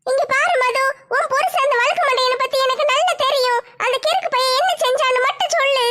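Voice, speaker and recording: A woman's voice: very high-pitched, fairly quick, bright, forceful tone. A woman voicing a bossy, brash woman officer.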